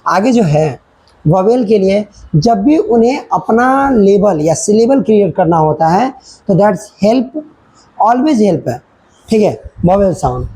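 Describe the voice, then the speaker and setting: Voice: mid-range voice, big pitch swings, takes it slowly, mellow, husky, low-quality recording. A teacher giving a children's grammar lesson, repeating points and checking in often while mixing in English words.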